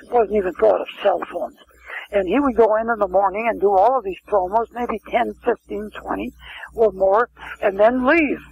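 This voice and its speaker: An older man, a guest in a casual storytelling interview, rambles through anecdotes, often restarting and drifting into asides. His voice sits high and sounds gravelly. The recording is muffled, lo-fi and phone-quality, with a little hiss or hum.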